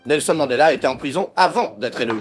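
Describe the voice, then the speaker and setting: A man's voice: a little high, expressive, quick pace. A man hosting a satirical news show with scripted, slangy, sardonic narration. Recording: clear music under the voice.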